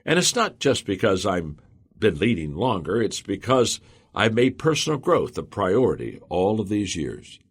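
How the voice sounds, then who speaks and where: A man reading a motivational audiobook in the first person, earnest and measured. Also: on the low side, very animated, husky. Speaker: audiobook narrator. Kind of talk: scripted audiobook narration.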